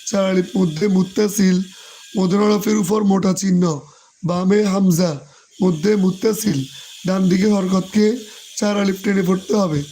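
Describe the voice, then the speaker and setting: A hoarse Quran teacher who drills the reading syllable by syllable and explains tajweed rules. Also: medium pitch, fairly even intonation, normal speed, warm tone, slight background noise. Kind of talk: slow Quran reading lesson, spelling out letters and vowels.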